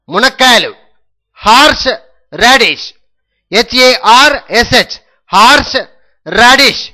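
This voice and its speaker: A male English teacher with a Telugu accent, speaking in a very high, bright voice. He moves slowly and patiently, spelling every word letter by letter and repeating it several times so that students can copy it down. His delivery is steady and methodical, like a classroom dictation. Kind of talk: slow spelling lesson in Telugu.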